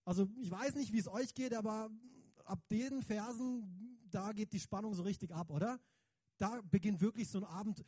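A man giving a lively, conversational sermon, emphatic and slangy, often turning to the audience with questions. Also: sits high, moderate pace, no echo. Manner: emphatic, slangy, keeps asking the audience "right?". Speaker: preacher.

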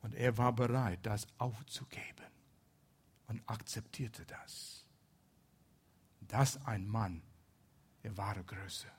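A man preaching a sermon, retelling a Bible story and shifting between soft asides and loud emphasis. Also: fairly low pitch, slow, long pauses, breathy edge.

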